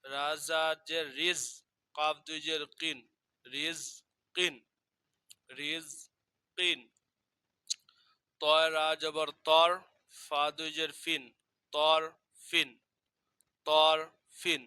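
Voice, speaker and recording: A man's voice: fairly high pitch, flat delivery, extremely slow, pauses often, bright, forceful tone, clear, resonant tone, no room sound. A man teaching Quran reading with a Bangladeshi Bengali accent, spelling out each letter and vowel mark and then repeating the blended syllable. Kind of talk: slow spelled-out recitation drill.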